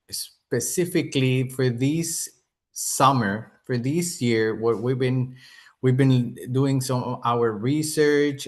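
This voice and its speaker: A man from Mexico, speaking with a Mexican accent in a mid-range voice, gives an earnest hotel sales presentation during a video call webinar.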